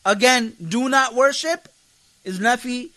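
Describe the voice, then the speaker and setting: At a measured pace, a man with an extremely high, sharp-toned voice delivers an impassioned religious lecture as an imam teaching a class. He stresses and repeats key phrases and throws questions out to his listeners.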